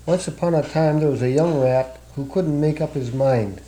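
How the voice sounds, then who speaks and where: Mellow-voiced man reading a storybook. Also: on the high side, normal speed, a little hiss or hum, rough recording.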